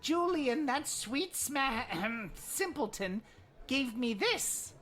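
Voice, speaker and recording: A woman voicing an excitable, pompous and possessive magical creature in a video game, in a theatrical manner. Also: high-pitched, very slow, faint music behind, full character voice. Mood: pompous, gloating. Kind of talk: video game character acting.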